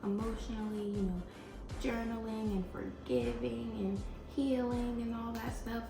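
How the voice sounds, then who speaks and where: A woman's voice: fairly high pitch, flat delivery, unhurried, creaky. A young woman vlogger talking casually and informally, with slang and musing questions to herself, as in a Q&A. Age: young adult. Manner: informal slangy, muses aloud with rhetorical questions. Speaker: YouTuber. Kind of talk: casual chatty Q&A vlog. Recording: roomy echo, music behind. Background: music.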